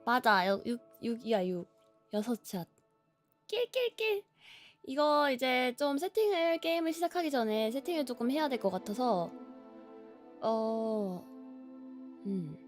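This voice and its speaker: A woman live streamer chatting casually before a game, with a cutesy, playful, expressive anime-streamer manner. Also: fairly high pitch, a little slow, faint music behind. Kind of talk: casual livestream chat before playing a game.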